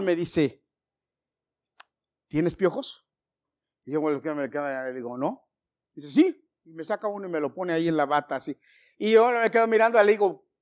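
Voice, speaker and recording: A middle-aged man preaching a sermon, telling stories with jokes and calling his listeners brothers. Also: a little high. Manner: storytelling with jokes, addresses congregation as brothers.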